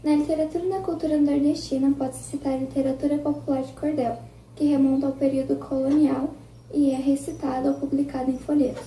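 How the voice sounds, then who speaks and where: A woman student reading a prepared school text aloud in a flat, monotone way. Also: sits high, fast talker, slight background noise. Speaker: student presenter. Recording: roomy, distant recording.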